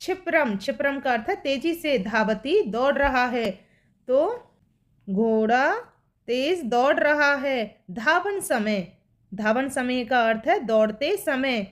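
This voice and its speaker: A woman's voice: high voice, expressive, takes it slowly. A woman teacher patiently explaining a poem to children line by line, repeating each meaning.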